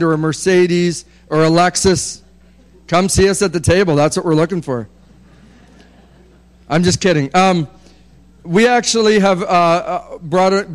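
A man presenting a ministry's work from slides to a congregation, joking and using many fillers. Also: high-pitched. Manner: joking, filler-heavy, chatty.

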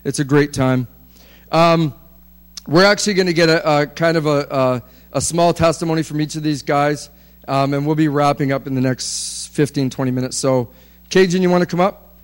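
Guy doing a church slideshow pitch, jokey, lots of ums, smooth voice. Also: moderate pace. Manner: joking, filler-heavy, chatty. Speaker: ministry representative presenting slides. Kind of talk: casual presentation to a congregation.

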